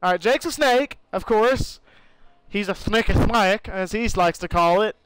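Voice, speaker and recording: A man's voice: sits high, animated, moderate pace, a bit bright, clear, resonant tone, no echo. A young man live-streaming a shooter game, rambling casually, swearing and laughing as he plays. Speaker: gaming streamer. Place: home room during a thunderstorm.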